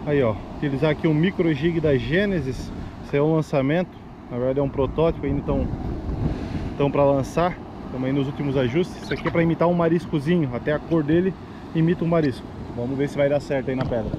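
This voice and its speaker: A man fishing from a small boat at sea, narrating casually and calling out each catch with excitement. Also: fairly high pitch, fast. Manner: excited, calls out catches to viewers. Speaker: angler narrating his fishing. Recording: loud wind and boat noise outdoors.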